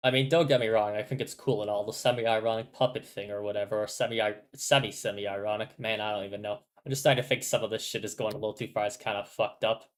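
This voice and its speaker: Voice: medium pitch, steady tone, quick pace, few pauses, lightly acted. A reader voicing a laid-back but uneasy teenage boy who rambles and swears casually. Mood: rambling.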